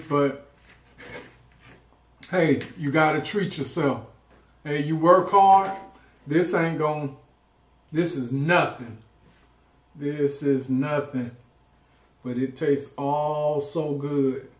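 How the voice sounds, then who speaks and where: A man with a slightly high voice talks slowly and casually as the host of a food vlog. He pauses often mid-thought. The sound is roomy, with clear echo around his voice. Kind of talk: casual mukbang chat while eating. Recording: roomy, echoing indoor sound.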